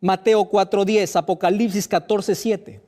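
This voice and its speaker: A male pastor preaching a sermon, emphatic and slow on stressed phrases, asking the listener rhetorical questions. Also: high voice, steady tone, mellow.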